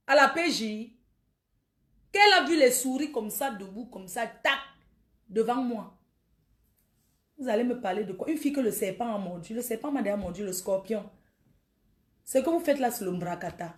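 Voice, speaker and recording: Woman, high voice, defiant, taunting, scolding, livestream rant. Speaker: social media livestreamer. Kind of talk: ranting Facebook live video.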